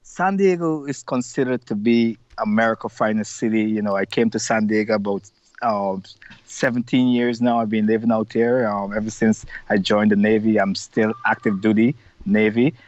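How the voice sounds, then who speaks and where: Over dull, dry, lo-fi video-call audio, a Guyanese carnival organizer in middle age is interviewed casually. He has a Guyanese accent and a fairly low, somewhat mellow voice with fairly even intonation at normal speed, and he talks in an upbeat, rambling way packed with fillers.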